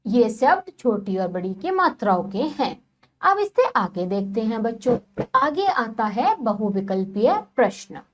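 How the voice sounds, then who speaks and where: Slow, high-voiced woman teaching children. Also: big pitch swings. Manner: slow, sing-song teaching, addresses children directly; spells words out syllable by syllable. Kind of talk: children's Hindi lesson on vowel signs.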